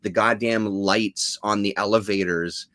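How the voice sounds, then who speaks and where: A man with a low voice, recorded dry and close, chats enthusiastically as a co-host. He swears casually and draws out words to stress them. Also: steady tone, a little slow, fairly bright tone, no room sound. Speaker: podcast co-host. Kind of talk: casual chat.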